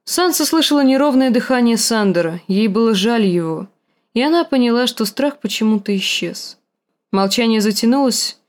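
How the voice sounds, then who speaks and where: A woman reading an audiobook, narrating in a steady, measured storytelling voice. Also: fairly high pitch. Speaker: audiobook reader. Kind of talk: scripted narration.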